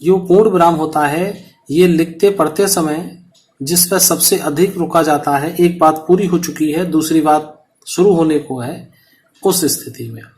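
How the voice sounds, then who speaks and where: A man's voice: fairly high pitch, a little slow, a little mellow. A man teaching a punctuation lesson to students, explaining patiently and repeating each example.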